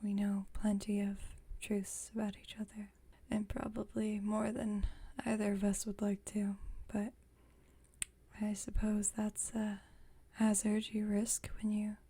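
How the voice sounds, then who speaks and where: In an ASMR roleplay, a woman plays a vampire roommate who is gentle, wry, and nostalgic. She whispers softly and breathily at a medium pitch, taking her time, with a wry, musing mood.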